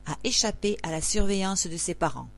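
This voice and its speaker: A woman announcer reading scripted public announcements, like those at an airport or station, in a formal, measured way. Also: medium pitch, expressive, gravelly.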